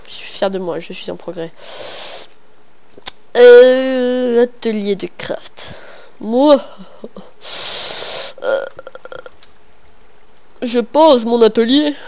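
A man's voice: very high-pitched, drawn-out words, pauses often, a little mellow. A young teenage boy doing casual, joking commentary over a game, rambling and talking to himself and his viewers through a home computer microphone. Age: young teen, in middle school. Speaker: gaming video host. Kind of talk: casual let's-play commentary.

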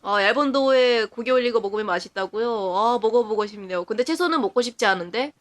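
Chatty woman streamer, slightly high voice. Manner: chatty, laughs often, talks to herself while playing; reacts to the game with quick surprised remarks. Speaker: game streamer. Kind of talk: live game commentary.

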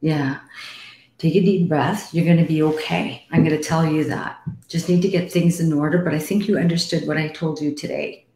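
A woman's voice: sits low, steady tone, normal speed, mellow, slight background noise. A woman in her fifties, a medium hosting a live stream, talking bluntly with swearing and calling her guest sweetie. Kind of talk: casual live-stream chat. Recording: roomy echo.

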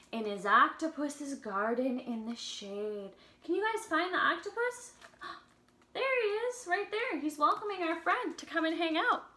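Teaching small children at home beside an upright piano, a young adult woman gives an expressive picture-book reading with simple questions and exaggerated emphasis. She has a high-sitting voice with a sharp tone.

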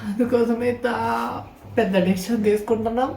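A man gives an emotional farewell vlog, speaking in a tearful, halting way. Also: very high-pitched, steady tone, dark tone, reverberant, slight background noise. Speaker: vlogger.

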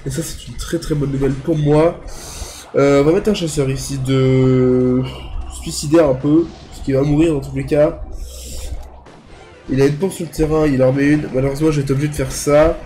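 A young gaming YouTuber with a cold talks through his nose as he casually commentates his own mobile gameplay, chatty and thinking aloud. His voice is a little high and dark-toned, with fairly even intonation, a moderate pace and slight background noise.

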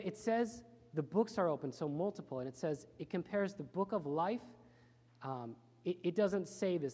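A man's voice: sits high, mellow. A male pastor giving an earnest, plain-spoken sermon in a church, repeating phrases for emphasis. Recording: reverberant church hall.

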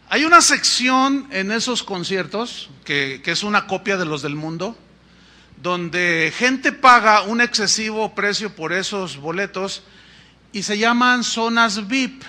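A man's voice: sits high, sharp tone. A male pastor preaching a sermon, exhorting emphatically with rhetorical questions. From Mexico.

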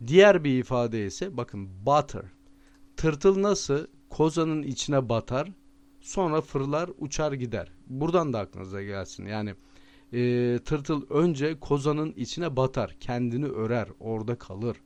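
A man with a Turkish accent teaching vocabulary with memory tricks, repeating each word slowly and stressing it. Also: medium pitch, lively intonation, darkish tone. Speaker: language teacher.

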